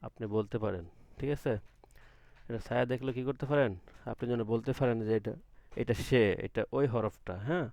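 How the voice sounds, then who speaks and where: A man's voice: mid-range voice, darkish tone, clear, resonant tone, dry recording. A man teaching an online Quran class, patiently asking questions and drawing out letter sounds from the throat. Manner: patient, asks the class questions and answers them himself.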